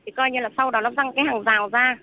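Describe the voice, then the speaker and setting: A woman's voice: a little high, fairly even intonation, fast. A woman from Vung Tau who is calling in as a protester and telling her story in an agitated, rambling way. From Vung Tau, southern Vietnam. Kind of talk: phone interview. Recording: tinny phone line with faint noise.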